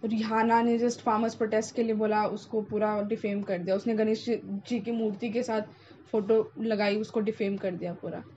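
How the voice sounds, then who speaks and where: A woman's voice: medium pitch, level tone, moderate pace, mellow. A young woman hosting a podcast, talking with passion and emphasis and slipping in English phrases, in a casual interview chat. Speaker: podcast host. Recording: dull lo-fi sound with faint noise.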